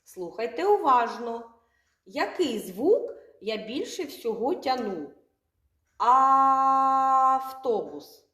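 A woman teaching young children their first letter sounds, stretching words out slowly and asking the class questions. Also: on the high side, very animated. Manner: slow, drawn-out sounds, asks children questions. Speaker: kindergarten teacher. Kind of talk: literacy lesson for young children. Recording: echoey room, from far off.

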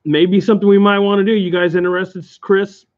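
A playful man with an Oklahoma twang, a touch high in pitch, cracking jokes as he sells cards on a live stream. The audio is dull and lo-fi, like a cheap stream mic. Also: little pitch movement, fairly quick. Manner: jokey, playful hawking. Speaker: game store host. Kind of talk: live stream card sale chat. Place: game store.

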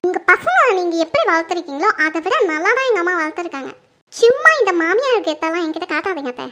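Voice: very high voice, sing-song, fast talker, bright, forceful tone, a little hiss or hum, heavily acted. A performer voicing an arrogant young daughter-in-law who scolds and threatens in a family drama skit. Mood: defiant.

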